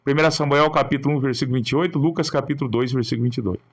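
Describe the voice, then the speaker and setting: A man's voice: medium pitch, rapid-fire. A male pastor preaching in short, earnest, admonishing phrases, often ending with a questioning tag. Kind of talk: sermon on raising children.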